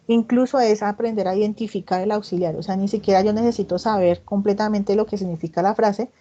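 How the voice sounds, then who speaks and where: A woman's voice: medium pitch, warm tone, highs cut off. A woman teaching English grammar in an online class, explaining step by step and often checking in with her students. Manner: reads English example sentences slowly and with emphasis. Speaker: English tutor.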